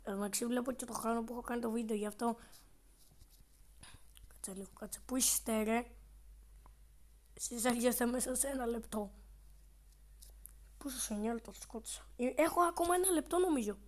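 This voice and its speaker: A woman with a high voice narrating her own gameplay. She is excitable and jumpy, yelling back at the game at some moments and muttering quietly to herself at others. She swears now and then and talks straight to her viewers. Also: pauses often. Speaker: gaming video creator. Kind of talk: let's-play commentary.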